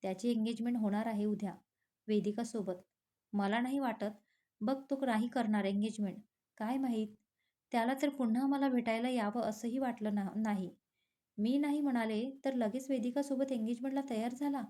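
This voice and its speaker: A woman's voice: on the high side, steady tone, normal speed, dark tone, lightly acted. A woman voicing a heartbroken, tearful young woman in a storybook romance. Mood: hurt. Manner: hurt and pleading.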